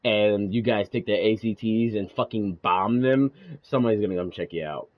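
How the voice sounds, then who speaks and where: A man's voice: fairly low pitch, moderate pace, no room sound, highs cut off. A man chatting casually on a gaming stream, blunt and teasing, swearing heavily. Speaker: co-player on stream. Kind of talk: casual chat while gaming.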